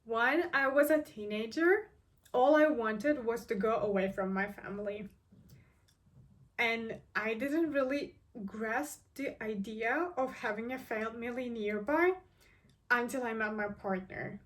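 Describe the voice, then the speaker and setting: A woman's voice: fairly high pitch, unhurried, a bit bright, distant mic. A woman of twenty-three from Turkey, talking earnestly to camera and thinking aloud, with lots of "like" and restarts. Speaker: vlogger. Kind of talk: casual reflective talk to camera.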